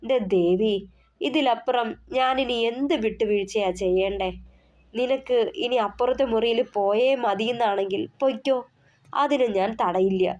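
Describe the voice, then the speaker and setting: A stern young husband whose scolding turns to pleading, voiced by a woman reading a story, in a warm, mellow tone. He sounds gruff yet caring throughout an audio novel. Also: fairly high pitch, unhurried, lightly acted.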